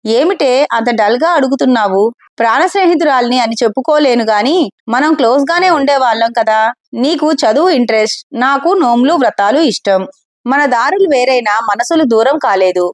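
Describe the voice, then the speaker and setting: A woman's voice: a little high, lively intonation, no room sound, clean studio sound, lightly acted. A woman playing a chatty young wife. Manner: chatters quickly, mildly peeved.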